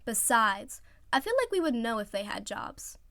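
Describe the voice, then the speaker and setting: Girl reading as a sneaky nosy teen boy from a storybook, higher voice, teasing and stretched out. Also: big pitch swings, normal speed, pushed and bright, no room sound, heavily acted. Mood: scheming. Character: scheming nosy teen boy volleyball setter.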